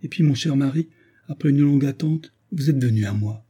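A man reading the part of a gentle young wife and mother in a tender, pleading tone. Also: mid-range voice, fairly quick, slightly rough, pitched above the performer's own voice, close to an everyday voice.

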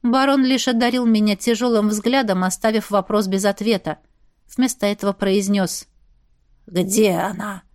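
A woman reading a first-person novel as an audiobook in a lively, expressive way. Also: medium pitch, moderate pace, clean tone, dry recording, clean studio sound. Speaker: audiobook narrator.

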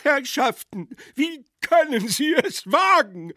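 A man voicing a drunken, pompous elderly general who talks loudly and stammers. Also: medium pitch, animated, slow, dry recording, clean studio sound. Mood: desperate. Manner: loud, faltering, repeats himself.

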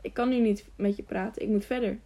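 Woman reading a hurried young rider. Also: medium pitch, steady tone, dark tone, close to an everyday voice. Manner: brief, hurried replies.

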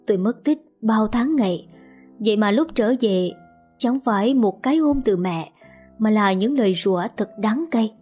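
A woman narrating a first-person family drama in a steady, emotional storytelling voice. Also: medium pitch, moderate pace, husky, soft background music.

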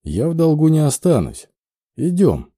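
A man's voice: on the high side, wildly swooping pitch, a little slow, warm tone, dry recording, studio quality, voice pushed up, heavily acted. A man playing a smug young aristocrat in an audiobook, with a condescending drawl.

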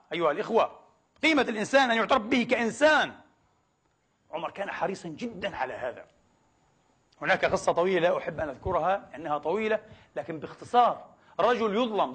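Fast, impassioned man preaching a sermon. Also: high voice, fairly bright tone, breathy edge. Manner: impassioned, emphatic, asks many rhetorical questions.

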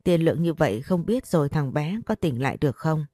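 Woman with a low mellow narrating voice. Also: expressive, a little fast, dry recording. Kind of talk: scripted story narration. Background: faint music.

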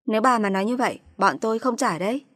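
A woman's voice: on the high side, fast talker, fairly bright tone, no room sound, studio quality, in a large hall, pitched above the performer's own voice. A woman voicing an indignant younger sister-in-law complaining about being hit. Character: younger sister-in-law pleading her case.

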